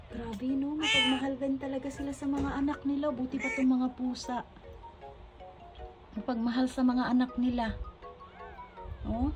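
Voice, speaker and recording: A woman's voice: sits high, darkish tone. A woman vlogging with her cats, cooing baby talk at the kittens and chatting casually with them. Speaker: pet vlogger.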